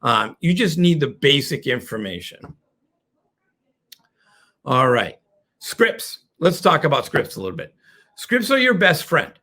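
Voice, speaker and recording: A middle-aged man teaching a sales webinar, animated and playful, slipping into quick mock caller voices as he explains. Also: a little high. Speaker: sales trainer.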